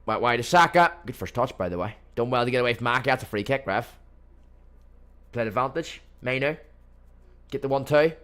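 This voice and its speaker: A man's voice: medium pitch, normal speed, pauses often, smooth. A young man hosting a live football watchalong from his home streaming room, chatting to viewers and reacting to the match. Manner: chatty, addresses chat as boys and mate, bursts into excited match reactions. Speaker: livestream watchalong host.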